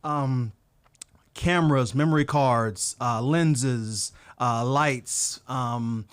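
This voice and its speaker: Male podcast guest, earnest and reflective, halting pauses, mid-pitched, dry and close. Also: smooth, dry recording. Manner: earnest, reflective, speaks in faith terms; many thinking pauses with um. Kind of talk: casual podcast interview.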